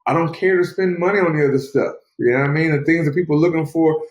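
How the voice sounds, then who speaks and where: Fast-talking earnest man, echoey room. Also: on the high side, slight background noise. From United States. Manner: earnest and motivational, talks in quick runs. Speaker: guest, mixed martial artist. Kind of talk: casual interview.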